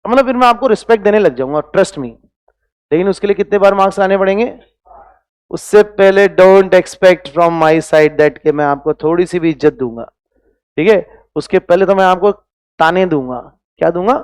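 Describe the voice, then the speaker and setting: With no room sound in the recording, a high-pitched man speaks at normal speed in a clear, resonant tone while teaching chemistry online. He constantly quizzes students with rhetorical questions, mixes English phrases into his Hindi, and mixes in scolding, motivational remarks.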